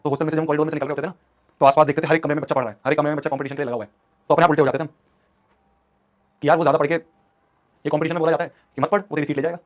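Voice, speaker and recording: A young man in his twenties, an online teacher giving a motivational class talk in an urgent, scolding, repetitive way. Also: a little high. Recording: dull lo-fi stream audio.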